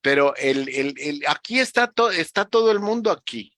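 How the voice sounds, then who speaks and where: A man with a bright, forceful, somewhat high voice explains ideas patiently, like a teacher. He often restarts his phrases as he thinks aloud. The sound is dry and close. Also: animated, normal speed, no room sound. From Mexico. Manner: reflective, teacherly, many restarts. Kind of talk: conversational explanation.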